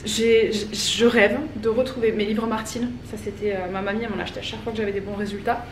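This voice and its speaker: A woman's voice: medium pitch, little pitch movement, fast. A woman in her thirties from France, chatting casually and rambling to camera at home while folding laundry. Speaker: vlogger. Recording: roomy echo, distant mic, background noise.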